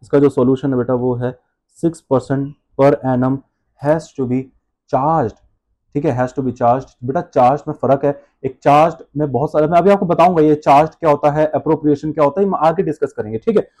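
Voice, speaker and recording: A man's voice: a little high, moderate pace, a little mellow. A male accounts teacher giving a classroom-style lecture, calling the students "beta" and answering his own questions.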